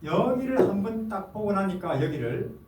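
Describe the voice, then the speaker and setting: A man's voice: sits high, sing-song, normal speed, a little mellow. An older man, a missionary, giving an earnest sermon in a hall and often answering his own questions. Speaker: missionary preacher. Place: forum hall. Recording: roomy hall, mic at a distance, faint noise.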